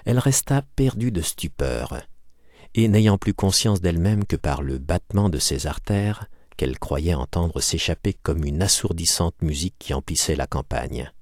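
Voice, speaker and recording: Deep-voiced, expressive male audiobook narrator. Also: no room sound, clean studio sound. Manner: expressive, measured storytelling. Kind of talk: scripted narration.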